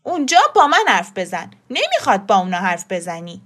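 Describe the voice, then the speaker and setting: A woman voicing a bold, scheming old grandmother who talks briskly and emphatically. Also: medium pitch, wildly swooping pitch, a bit bright, voice pushed down. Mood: coaxing.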